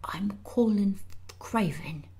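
A woman's voice: low voice, moderate pace, gravelly, husky, heavily acted. A woman reading aloud and voicing a sickly, lonely young boy in a weak whisper. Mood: startled.

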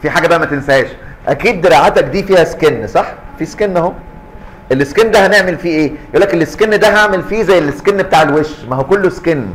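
A man with an Egyptian Arabic accent giving a lively physiology lecture to students, quizzing them and acting out little scenes. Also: a little high, racing, slight background noise, rough recording. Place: lecture hall.

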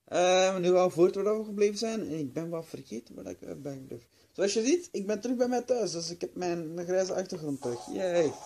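A man's voice: high-pitched, a little fast, creaky, hardly any pauses, warm tone, slightly rough. A drowsy young adult man giving casual gameplay commentary, rambling and muttering to himself with some swearing. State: tired, drowsy. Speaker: gaming video host. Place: small room at home. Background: game music.

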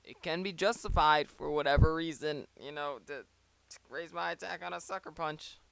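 Rambling man, smooth close-mic voice. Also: a little high, moderate pace, a bit bright, no room sound. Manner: rambling, self-interrupting, joking asides. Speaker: league player. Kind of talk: casual play-by-play of his own online battle. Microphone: close desk microphone.

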